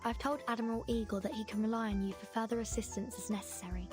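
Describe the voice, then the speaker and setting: Woman acting a courteous businesslike female leader, fairly high pitch, game dialogue, music underneath. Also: fairly even intonation, fast talker, lightly acted. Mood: polite.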